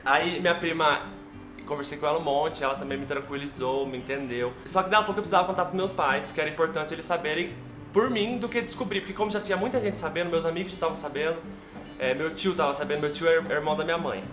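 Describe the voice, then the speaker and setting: A man's voice: a little high, quick pace. A young man with a Brazilian Portuguese accent, telling a personal story to his viewers in a heartfelt, emotional way. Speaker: vlogger. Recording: echoey room with background music.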